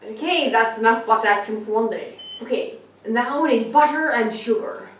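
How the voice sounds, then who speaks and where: A woman's voice: fairly high pitch, moderate pace, heavy reverb, soft background music, lightly acted. A young woman playing a bossy, fussy young male villain in a fan cosplay skit, in a home kitchen filmed by a far camera. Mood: exasperated. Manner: bossy, exasperated, nagging.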